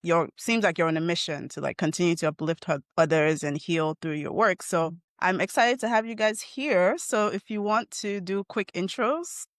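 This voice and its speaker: A woman's voice: lowish voice, normal speed, few pauses, no room sound, clean studio sound. A woman hosting a podcast interview, chatty and teasing with her guests. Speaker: podcast host. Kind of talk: casual interview chat.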